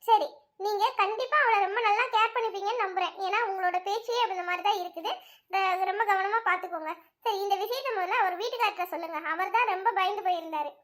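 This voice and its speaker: Lady doing a squeaky bright cartoon doctor, calm and explaining, talks fast. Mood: reassuring. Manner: measured, explaining. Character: calm reassuring female hospital doctor.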